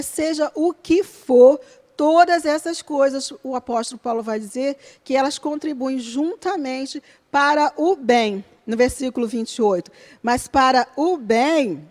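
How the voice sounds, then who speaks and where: A woman leads a church Bible study class. Her voice sits high, and she explains each verse earnestly and step by step. She keeps checking in with her listeners through short tag questions. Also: a little mellow. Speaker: Bible school teacher.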